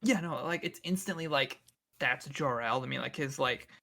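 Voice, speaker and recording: A young man talks through a film in a laid-back podcast chat, leaning on "like" as he goes. His bright voice has a gravelly fry running under it, and he sounds easygoing and unhurried. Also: on the high side. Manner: laid-back, lots of "like" fillers. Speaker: podcast co-host. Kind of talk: casual film discussion.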